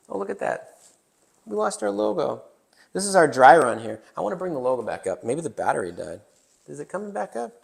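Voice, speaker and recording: A man hosting a casual business podcast from a new studio, animated and joking, with mild swearing. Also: a little high, creaky. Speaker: podcast host. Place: newly built indoor studio.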